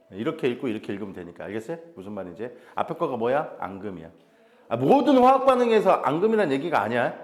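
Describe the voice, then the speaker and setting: A male science tutor walks a small class through a lesson, constantly asking whether they've got it. His pitch rises and falls a lot as he explains. The room has a clear echo. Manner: quizzing, repeats questions like "알았어?". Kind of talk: classroom teaching.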